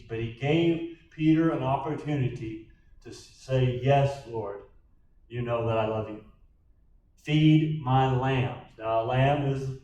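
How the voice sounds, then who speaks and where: A male pastor leads a bible study at an unhurried, deliberate pace. His voice rings through a very echoey church room, picked up from a distance by a backup recording. He leans hard on key words. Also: mid-range voice, dark tone. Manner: slow, emphatic, acts out quoted lines.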